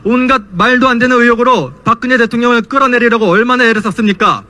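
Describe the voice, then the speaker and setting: A young man delivers a student's political rally speech. His voice is strikingly high and has a forceful, sharp edge. He declaims with passion, in the rhetorical manner of a protest orator. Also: quick pace. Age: young adult. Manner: impassioned, declamatory rhetorical questions.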